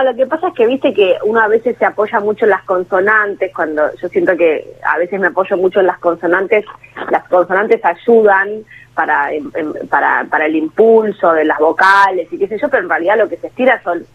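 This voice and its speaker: A woman's voice: mid-range voice, moderate pace, husky. A woman with a Rioplatense Spanish accent, a guest talking casually and self-deprecatingly in a radio interview, with many restarts. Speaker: guest, actress and singer. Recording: tinny phone line.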